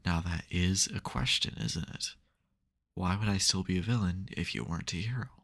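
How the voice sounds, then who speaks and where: Playing a supervillain in close ASMR roleplay, this man uses a very deep voice thick with gravelly creak, a bit bright and at a moderate pace. Under the wry, exasperated theatrics there is a caring side, and the mood feels reflective and tender.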